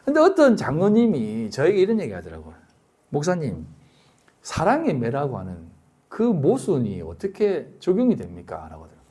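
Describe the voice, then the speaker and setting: A man's voice: on the high side, normal speed, breathy edge. A middle-aged man, a pastor giving a sermon, telling stories and acting out quotes with laughter. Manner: storytelling with lively acted-out quotes and laughter.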